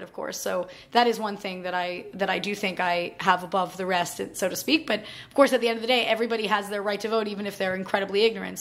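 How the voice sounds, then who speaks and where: With a medium-pitched, fairly bright tone, a woman appearing as a graduate student guest fields interview questions with confidence. She talks freely and at length, often saying "like" and "I mean".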